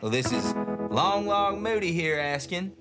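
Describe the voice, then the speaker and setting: A man voicing a steely, slow-drawling cowboy gunslinger out for revenge. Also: high voice, sing-song, loud music behind the voice, voice pushed up. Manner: slow, deliberate western drawl.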